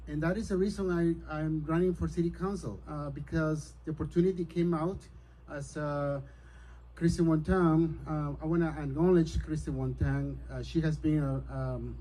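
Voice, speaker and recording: A middle-aged man from Peru speaks as a city council candidate, earnest and a little halting. His voice is mellow and dark, pitched a touch high. He delivers a campaign speech in a community hall. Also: fairly even intonation. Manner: earnest, hesitant, grows forceful.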